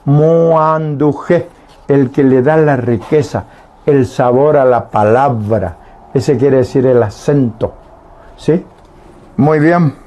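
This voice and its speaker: A man's voice: mid-range voice, slow pace, mellow. A man teaching a Guarani language lesson on the radio, patiently explaining and often checking that listeners understand. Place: radio studio.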